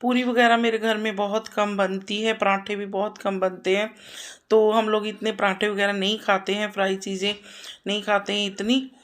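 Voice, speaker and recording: A woman's voice: medium pitch, little pitch movement, moderate pace. A woman in her thirties, a mother narrating her household chores in a homely, chatty voice-over, repeating herself often. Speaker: vlogger and mother.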